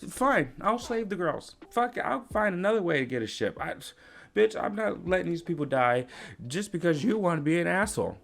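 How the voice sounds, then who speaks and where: A man's voice: high-pitched, big pitch swings, fairly quick, gravelly, fairly bright tone, pitched above the performer's own voice, heavily acted. A man voicing a brash, defiant young male pirate in a raised voice.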